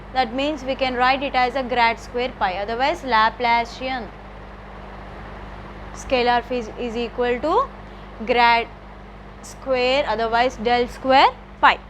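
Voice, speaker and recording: A woman college math lecturer, dictating notes slowly and repeating phrases, often checking with the class. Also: high-pitched, a bit bright, a little hiss or hum. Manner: repetitive, slow dictation with checking questions.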